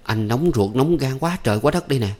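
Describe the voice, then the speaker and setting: A man's voice: mid-range voice, expressive, fairly quick, warm tone, voice pushed up, natural voice. A man reading a story aloud, voicing an eager, coaxing young master. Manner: coaxing, insistent, playful. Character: young rich man, eager, teasing suitor. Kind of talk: audiobook character voice.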